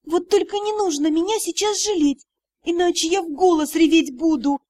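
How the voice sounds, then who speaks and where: A woman's voice: very high-pitched, normal speed, darkish tone, dry recording, voice pushed up. A woman voicing a tearful, indignant young female magic student in an audiobook. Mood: pleading. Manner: pleading, indignant.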